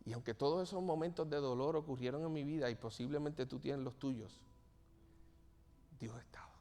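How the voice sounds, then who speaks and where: A man's voice: medium pitch, normal speed, mellow, big-room sound. A man from Cuba preaching a sermon to a church congregation, speaking earnestly and turning often to address his listeners directly. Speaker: pastor.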